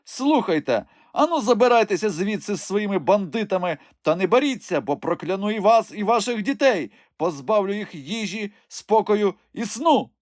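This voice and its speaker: A man voicing a sharp-tongued old peasant widow who scolds and curses defiantly. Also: high voice, big pitch swings, normal speed, hardly any pauses, dry recording, clean studio sound, voice pushed up. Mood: scolding. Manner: scolding, cursing.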